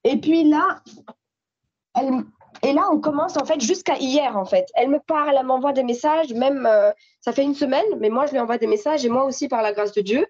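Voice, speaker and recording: A woman with a French accent giving a spontaneous spoken testimony at a church meeting, animated storytelling with frequent restarts. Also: high voice, a little fast, breathy edge. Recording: slightly dull audio recording.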